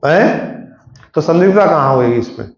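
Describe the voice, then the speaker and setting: A man's voice: on the high side, expressive, moderate pace, a crowd in the background. A man teaching Hindi grammar to a class, explaining patiently and checking often with questions. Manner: explains patiently, asks students frequent questions. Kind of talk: classroom lecture. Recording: echoey classroom, dull lo-fi sound.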